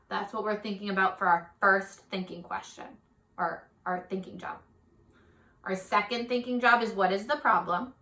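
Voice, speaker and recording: A woman with a medium-pitched, slightly bright voice leads a read-aloud lesson for young children, asking them simple questions and encouraging them directly. The room is echoey.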